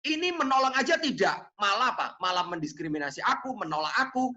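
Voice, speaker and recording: A woman's voice: medium pitch, big pitch swings, fast talker, pushed and bright, lo-fi sound. A preacher voicing a desperate, frustrated mother who pleads for help. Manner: pleading, then complaining, raised voice.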